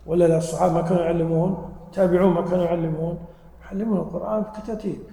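A man's voice: sits high, steady tone, rapid-fire, creaky, warm tone, slight background noise. A man teaching a religious lesson to a live audience, explaining patiently and quizzing listeners with questions. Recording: echoey hall with long reverb.

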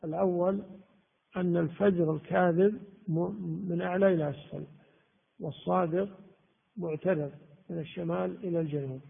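Gravelly man teaching in an echoing hall. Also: high voice, fairly even intonation. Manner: slow, explanatory, repeats key words. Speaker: religious teacher. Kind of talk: hadith lesson with grammar explanation. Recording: tinny phone-like sound in a reverberant hall.

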